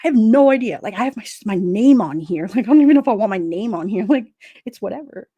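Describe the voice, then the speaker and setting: A middle-aged woman with a New York accent, casually chatting on a livestream, sassy and quick to laugh. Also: mid-range voice, animated, dark tone, lo-fi sound. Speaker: livestream host reading chat. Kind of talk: casual chat.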